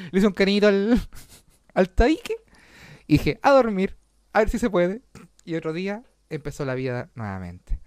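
A Chilean comedian and podcast host telling stories in a casual, swearing, laugh-filled chat. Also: male voice, on the high side, clear, resonant tone, dry recording, clean studio sound. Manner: swearing, animated, laughs often.

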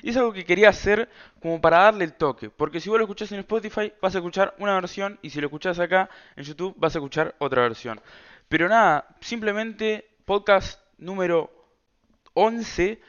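A man's voice: high-pitched, fairly quick, a bit bright, clean tone, dull audio. A young man with an Argentine Rioplatense accent, hosting a casual storytelling podcast and rambling through an anecdote in heavy slang. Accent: Argentine Rioplatense Spanish. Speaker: podcast host. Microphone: self-recorded camera setup.

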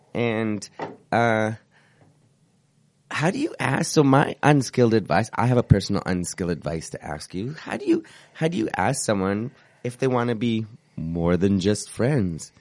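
A man hosting a casual radio chat show, hoarse from a cold and rambling as he searches for words. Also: on the low side, lively intonation, a little slow, a little mellow, no echo.

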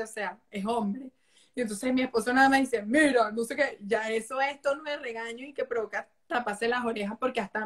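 A woman, a holistic therapist, chatting as an interview guest and telling family stories warmly. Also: fairly high pitch. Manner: warm storytelling, acts out family quotes. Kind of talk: casual interview conversation.

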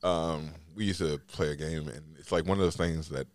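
A man's voice: very deep voice, steady tone, normal speed, dry recording. A man hosting a podcast, chatting casually and rambling with lots of "like" fillers. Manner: rambling, heavy use of "like" fillers. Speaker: podcast host.

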